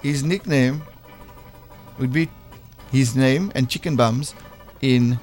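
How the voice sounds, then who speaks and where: Hosting a relaxed breakfast radio quiz over a music bed, a man with a broad South African accent speaks slowly in a mid-range voice with a darkish tone. His manner is playful and teasing.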